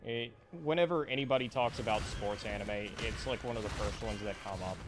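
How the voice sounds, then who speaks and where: A man streaming a game, chatting casually and relaxed, with frequent fillers. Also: on the low side, a little fast. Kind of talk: casual chat while gaming. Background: game music.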